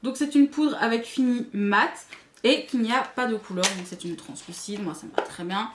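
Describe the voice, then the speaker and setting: A woman's voice: a little high, animated, normal speed, slight background noise. A woman with a Belgian or Swiss French accent reviews makeup to camera in a chatty way, full of asides to her viewers. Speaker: beauty vlogger. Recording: echoey room.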